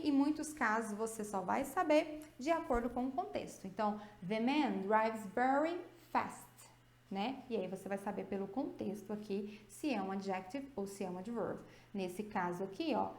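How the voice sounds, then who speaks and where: A woman teaching an English grammar video lesson, speaking with a Brazilian Portuguese accent in a fairly high voice. She explains step by step and keeps checking in with her students. The recording has a roomy echo. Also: a little mellow.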